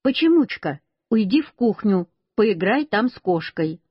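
A woman's voice: mid-range voice, sing-song, unhurried, slightly rough, dry recording. A woman reading a children's story aloud, voicing a stern mother who scolds her small son. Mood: worried. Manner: reproachful, firm. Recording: dull lo-fi recording.

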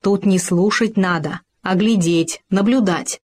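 A woman's voice: medium pitch, unhurried, darkish tone, a little hiss or hum, lightly acted. Know-it-all hamster guy, pushy and preachy, keeps lecturing his pal, read by a lady. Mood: coaxing. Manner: insistent, lecturing.

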